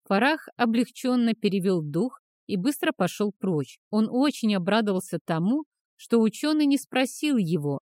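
A woman's voice: mid-range voice, darkish tone, dry recording, studio quality. Woman reading a fantasy audiobook. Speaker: audiobook narrator. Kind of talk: scripted fantasy narration.

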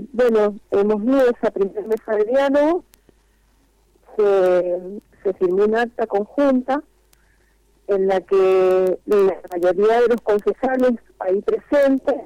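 Speaking for vendors in a radio interview, this woman calls in via speakerphone over a phone line. Her medium-pitched voice is mellow and free of echo, and she explains earnestly and at length, pausing often.

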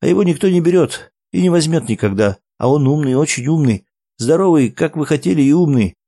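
A man's voice: a little high, lively intonation, brisk, mellow, dry recording, studio quality, pitched above the performer's own voice. A man voicing a frantic middle-aged woman who runs an orphanage, chattering and pleading.

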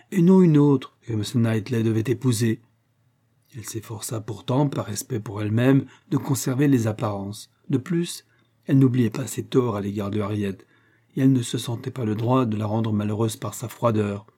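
Male audiobook narrator, dark husky tone, measured reading of a classic novel. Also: mid-range voice.

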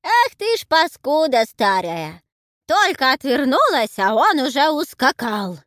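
A woman reading an audiobook, voicing a crafty old granny with a cracked, shrill old voice. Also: very animated, unhurried, fairly bright tone, exaggerated voice. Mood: indignant.

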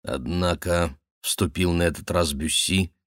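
A man narrating a classic novel as an audiobook, in a measured, even storytelling manner. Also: low-pitched, no room sound, studio quality. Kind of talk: scripted narration.

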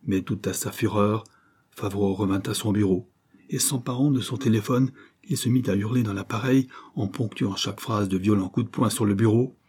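A male audiobook reader narrates a serial novel with measured, expressive storytelling. His voice is low, dark and mellow, with a husky edge.

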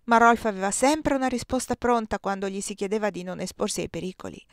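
A woman's voice: medium pitch, quick pace, no room sound, clean studio sound, close to an everyday voice. A woman reading the lines of a proud, grieving young woman in an audiobook. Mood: sorrowful.

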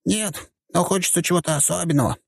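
A man voicing a small, mischievous male deity who talks in a soft, familiar, whiny way, in an audiobook. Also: high-pitched, quick pace, gravelly, husky, no room sound, studio quality, voice pushed up, exaggerated voice. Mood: chummy.

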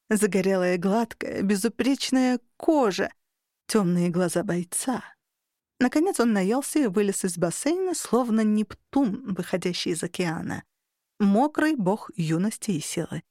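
Measured woman audiobook narrator. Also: mid-range voice, darkish tone, no echo, clean studio sound. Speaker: audiobook reader.

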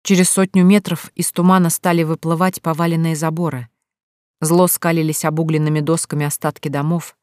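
A steady audiobook narrator reads the story in an even, measured way. The voice sits at a middle pitch, and the recording is dry and close. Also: no room sound. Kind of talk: scripted narration.

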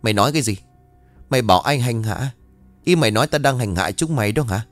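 A man's voice: sits low, animated, normal speed, no room sound. A man voicing a cruel, lecherous old village tyrant who sneers and barks abusive orders in an audiobook story. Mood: sneering cruel.

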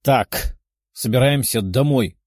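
A man's voice: medium pitch, slow pace, a little mellow, dry recording, clean studio sound. A man voicing a tired young demon who grumbles firm orders in an audiobook. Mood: grumbling.

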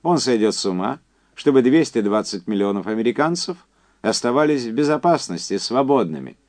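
A man reading an audiobook, voicing a middle-aged man on the phone who speaks with bitter, insinuating irony in a noticeably higher, louder voice than his own. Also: very animated, brisk, lightly acted. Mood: sardonic. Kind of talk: audiobook character voice.

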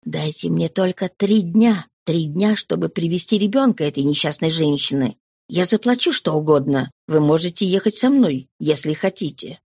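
A woman doing a quiet humble arrested man. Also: lowish voice, expressive, measured pace, few pauses, husky, dry recording, studio quality, voice pushed down, exaggerated voice. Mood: quiet, pleading. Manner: quiet, restrained pleading.

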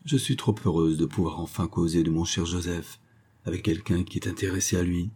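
Brief: male reader voicing an old spinster, gruff turning wistful, deep and husky. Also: steady tone, brisk. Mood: tender. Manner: gruff voice softening into wistful confiding. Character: stern old spinster neighbor, secretly sentimental. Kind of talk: audiobook reading.

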